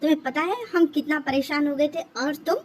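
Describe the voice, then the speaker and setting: A woman voicing a hot-tempered young man who loudly scolds his friend in a fan-fiction story. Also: high voice, fairly even intonation, fairly quick, a little hiss or hum, close to an everyday voice. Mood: scolding. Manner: loud scolding.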